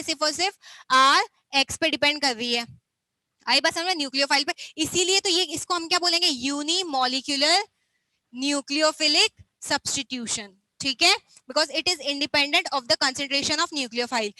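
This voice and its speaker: Young woman, high bright voice, chemistry teacher who quizzes and answers herself, dry close sound. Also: no echo, low-quality recording. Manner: asks questions and answers them herself. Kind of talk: classroom lecture.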